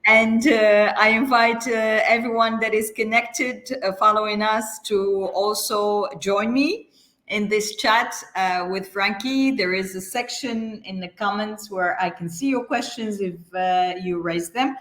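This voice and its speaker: A woman's voice: medium pitch, steady tone, a little slow, fairly bright tone, echoey room. A woman hosting a business interview, introducing her guest with many hesitant fillers. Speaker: interview host.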